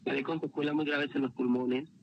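A man's voice: fairly high pitch, fairly even intonation, a little fast, gravelly, highs cut off, slight background noise. A man, a motivational speaker, telling an emotional personal story as a guest on a livestream. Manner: earnest, emotional, repeats words.

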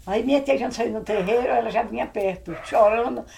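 A woman's voice: a little high, fairly quick, vocal fry, darkish tone, low-quality recording. Older Brazilian woman spinning family tales. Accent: Brazilian Portuguese. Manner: rambling, vivid, re-enacts scenes with exclamations. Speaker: family elder recalling old times. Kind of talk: casual oral storytelling.

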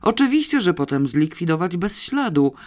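A man's voice: a little high, sing-song, normal speed. A furious gang leader barks clipped orders, voiced by a man reading aloud. The voice rides well above the reader's own, tense and commanding, the way a criminal boss sounds in a spoken novel.

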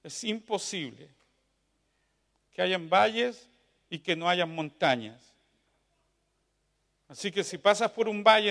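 Male pastor, sermon delivery, high-pitched, rising to fervent shouts, reverberant church sound. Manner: builds to impassioned shouting; asks the congregation questions.

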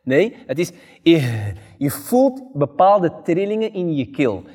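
Man, imam teaching recitation, high voice, slow and deliberate, chants examples, long hall reverb. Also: sing-song, a little mellow. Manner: patient, repeats and contrasts correct and wrong pronunciations. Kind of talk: Tajweed lesson with recited examples.

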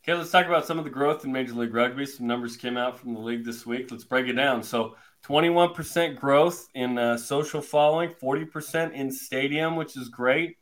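An upbeat man hosts a sports podcast, running through numbers with easy fillers. His pitch sits in a middle range for a man. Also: a little fast, few pauses, fairly bright tone. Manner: upbeat, reads stats with fillers. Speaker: podcast host.

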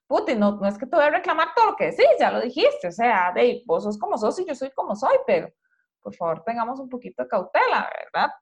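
A woman hosting a casual conversation, talking emphatically and reflectively, with many rhetorical questions. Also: a little high. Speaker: host. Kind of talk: casual chat.

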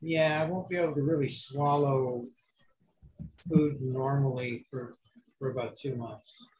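A man talks casually in a gravelly, scratchy voice that sounds sore in the throat. His pitch sits in the middle. He explains things in a plain, matter-of-fact way. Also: steady tone, unhurried, darkish tone. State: bruised, inflamed throat after surgery. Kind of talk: casual chat.

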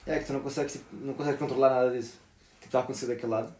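A young man with a European Portuguese accent hosting a podcast in casual, chatty talk, often chiming in with quick agreements. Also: medium pitch, fairly even intonation, darkish tone. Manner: quick, chatty, affirming interjections. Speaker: podcast host. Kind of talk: casual chat. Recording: roomy echo.

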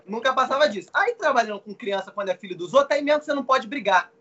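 A young male guest actor tells a funny personal story in casual chat on a live show, animated and swearing as he acts out the voices he quotes. His voice is very high, racing and breathy at the edges. The recording sounds muffled.

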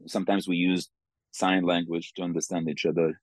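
Deep-voiced man with a Sudanese accent. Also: flat delivery, no room sound. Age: 40s. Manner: halting, careful, repeats words. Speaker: interview guest. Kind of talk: conversational interview.

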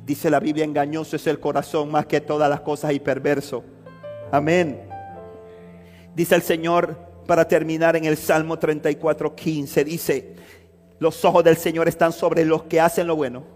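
A man's voice: on the high side, little pitch movement, moderate pace, darkish tone, long reverb tail, soft background music. A man preaching a sermon as a pastor, repeating phrases with rising fervor.

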